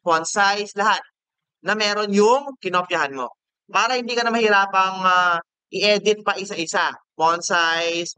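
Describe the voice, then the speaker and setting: A man with a Filipino accent teaching a screen-recorded software lesson, casual and checking in with the class often. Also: sits high, clean tone, dry recording.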